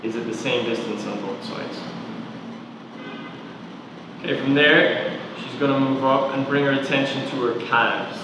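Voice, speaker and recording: Male movement coach, calm guided body-scan cues, distant mic, roomy reverb. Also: mid-range voice, measured pace, pauses often, background noise. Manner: calm, questioning, step-by-step cues. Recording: echoey roomy sound from far off.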